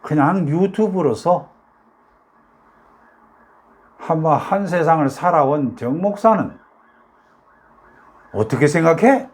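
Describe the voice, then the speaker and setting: A man's voice: fairly high pitch, animated, takes it slowly, pauses often, breathy edge. Older Gyeongsang man rambling to viewers. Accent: Gyeongsang Korean. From South Korea, North Gyeongsang. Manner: rambling, many fillers, rising rhetorical questions. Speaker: YouTube talk host. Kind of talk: casual monologue to viewers.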